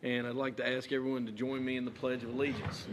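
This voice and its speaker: Halting man chairing a meeting. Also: mid-range voice, level tone, noisy background. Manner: halting, with many filler "uh"s and restarts. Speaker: county judge chairing a fiscal court meeting. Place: county meeting chamber.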